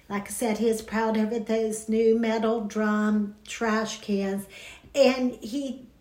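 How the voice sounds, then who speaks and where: A woman co-hosting a podcast, chatting casually and telling stories with frequent laughter. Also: a little high. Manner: chatty storyteller, laughs often. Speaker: podcast co-host. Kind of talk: casual chat. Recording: roomy echo.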